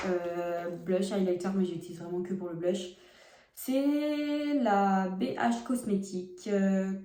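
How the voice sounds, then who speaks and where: A young woman's medium-pitched, dark-toned voice sounds reverberant, with a little hiss or hum. She's a beauty vlogger doing a casual makeup test on her phone at home, chatting frankly with viewers while applying products.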